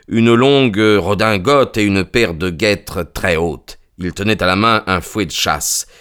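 A man narrating in first person as the detective's companion, measured and descriptive. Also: lowish voice, a bit bright. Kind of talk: dramatized audiobook narration.

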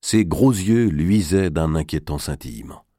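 A man reading a historical novel aloud as narrator, in a measured, dramatic storytelling manner. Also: extremely low pitch, expressive, dark tone, no room sound, studio quality.

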